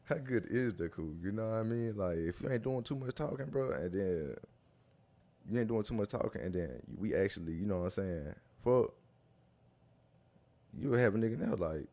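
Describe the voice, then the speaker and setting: This is a young man with a very low, deep voice, speaking as a guest on a relaxed talk show. He tells long, rambling stories in heavy slang and laughs often as he goes. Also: normal speed, pauses often. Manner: slangy, loose, laughs through his stories. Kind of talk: casual storytelling chat.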